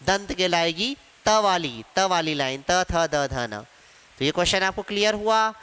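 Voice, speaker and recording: A man's voice: sits high, expressive, a little slow, pushed and bright, smooth. A man teaching Hindi grammar in an exam-prep lecture, explaining step by step and answering his own questions. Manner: explains step by step, asks questions then answers them himself. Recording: echoey hall reverb.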